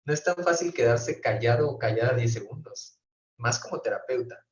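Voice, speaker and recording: A man with a medium-pitched, expressive voice at normal speed runs an online brief-therapy class as its professor, going step by step and regularly checking in on his students. The computer mic on the video call gives roomy, distant, dull audio.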